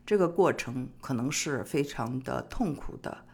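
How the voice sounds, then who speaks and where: A middle-aged speaker from China hosting an advice show, talking in a casual, explanatory way with frequent pauses on filler particles. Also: mid-range voice, expressive, vocal fry, darkish tone, husky. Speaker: host of an immigration-advice show.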